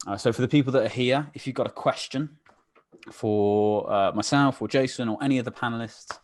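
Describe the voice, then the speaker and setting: Hosting a live online meetup by video call, a man greets viewers by name in a chatty, filler-heavy live-stream style. His mid-range voice is brisk and a little mellow, with no echo.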